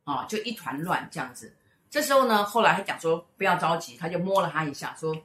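In an echoey room, a middle-aged woman with a Taiwanese Mandarin accent, a host and mother, chats casually as she tells a story. Speaking quickly in a lowish voice, she brings it to life by performing each character's quoted speech.

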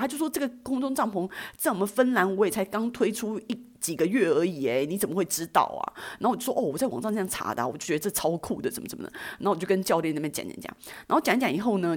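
A woman, hosting a podcast and telling a self-mocking story in a casual, animated way, with frequent "you know?" asides. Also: on the low side, slightly rough. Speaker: podcast host.

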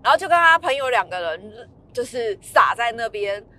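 A woman's voice: fairly high pitch, big pitch swings, normal speed, pushed and bright. A woman, casually telling a story in a vlog, laughing often and acting out the lines she quotes.

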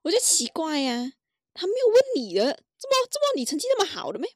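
A young woman trades quick, teasing remarks in a casual chat. She talks fast, and her pitch leaps around wildly. The recording is close and dry. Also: wildly swooping pitch, darkish tone, no room sound. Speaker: podcast co-host.

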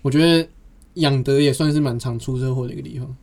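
On a laid-back podcast, a young man with a creaky, darkish, medium-pitched voice tells long rambling tales strung together with "and then." His tone stays steady and his pace is quick.

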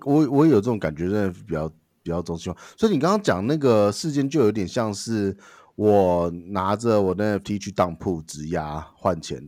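A man's voice: on the low side, darkish tone, no room sound, studio quality. A man co-hosting a podcast in casual discussion, questioning and rephrasing the points. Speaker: podcast co-host.

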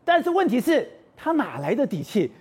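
Husky Taiwanese woman host. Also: sits high, very animated, fairly quick, a little mellow. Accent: Taiwanese Mandarin. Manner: short interjections and pointed questions. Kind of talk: talk show chat.

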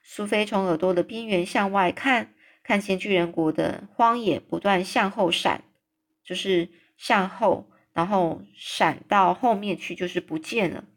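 A woman's voice: medium pitch, measured pace. A woman reading a children's storybook aloud, stopping for unscripted asides, restarts and little explanations.

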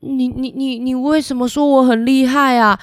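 A woman voicing a boastful male river god, who speaks in loud exclamations and stammers when he is astonished. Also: sits high, steady tone, normal speed, no room sound, pitched above the performer's own voice, lightly acted. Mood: flustered.

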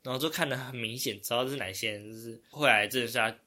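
A young man with a Taiwanese Mandarin accent, telling a story as a vlogger in a casual, animated way, often exclaiming and laughing. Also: medium pitch, fast. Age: young adult.

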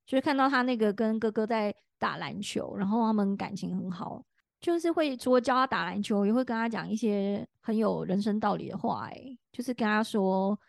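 Woman in her thirties, podcast co-host, rambling casual chat, gravelly edge, dry close sound. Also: medium pitch, animated, fairly quick, no room sound. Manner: rambling, full of fillers and restarts.

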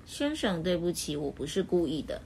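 A woman's voice: fairly low pitch, expressive, moderate pace, breathy edge. A woman doing a friendly cheerful man. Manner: friendly, pleading, then scolding. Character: cheerful friendly man, kind but easily wronged.

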